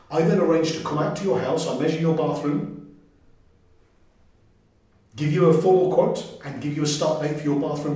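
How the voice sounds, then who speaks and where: A middle-aged man gives a lively sales walkthrough of a bathroom he has fitted, ticking off items one after another. His voice sits a little high but sounds mellow, and it rings loudly off the hard tiled walls. He is some way from the camera. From England. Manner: enthusiastic, lists items quickly, points things out. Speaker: bathroom fitter showing a finished job. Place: small tiled bathroom, indoors. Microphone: 360 camera in the middle of the room. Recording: very echoey small tiled room, voice from a distance.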